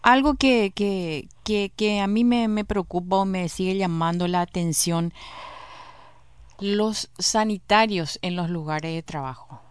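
Hesitant woman host, smooth dry voice. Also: mid-range voice, unhurried, dry recording. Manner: hesitant, repeats words, frequent backchannel murmurs. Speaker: interviewer, radio host. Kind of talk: radio interview.

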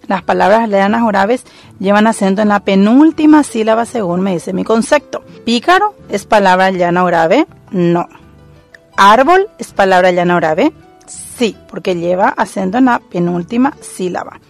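A woman's voice: medium pitch, lively intonation, normal speed, soft background music. A woman teacher working methodically through exercises, thinking aloud as she goes. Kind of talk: recorded classroom lesson.

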